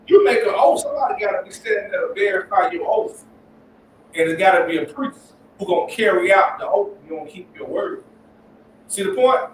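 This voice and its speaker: A man with a high voice teaches a Bible class in an emphatic, repetitive way and keeps asking rhetorical questions. He is heard from a distance in a very echoey room with faint noise behind him. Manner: emphatic, repeats points, asks rhetorical questions.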